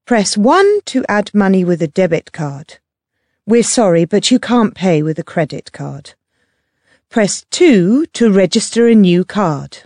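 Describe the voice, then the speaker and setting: A polite phone menu voice, acted by a woman reading out helpline options. She is slow and measured, with a lively lilt and clear enunciation, recorded dry and close. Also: medium pitch, no room sound.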